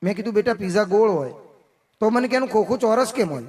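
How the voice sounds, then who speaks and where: A man performing folk comedy on stage. He tells jokes as dialogues and drops lower and softer for his own replies. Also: animated, quick pace. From Gujarat, India. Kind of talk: live folk comedy storytelling. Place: outdoor festival stage.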